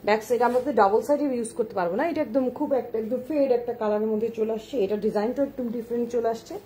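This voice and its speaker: A woman's voice: a little high, very fast, warm tone, a little hiss or hum. A woman showing shawls on a live stream, chatty, repeating herself and urging viewers to look closely, slipping English words into her speech. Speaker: online shawl seller. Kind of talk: live-stream product showcase.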